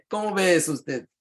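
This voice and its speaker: Middle-aged male pastor, Latin American Spanish accent, fairly high voice, chatty Bible-class teaching, reads and explains. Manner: conversational, reads verses then explains, frequent tag questions.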